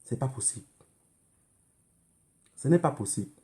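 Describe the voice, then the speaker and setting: In a political livestream monologue, a Cameroonian-accented online activist admonishes his audience emphatically, repeating phrases and throwing out rhetorical questions. His medium-pitched voice is dark in tone, with lively intonation and a moderate pace.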